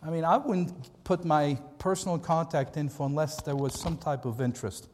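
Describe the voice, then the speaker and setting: A man's voice: on the high side, normal speed, a little mellow, slight background noise. An American man, a pastor giving an informal training talk, conversational and given to repeating points for emphasis. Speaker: pastor, seminar speaker. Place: large hall, speaking to a group. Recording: echoey hall with long reverb.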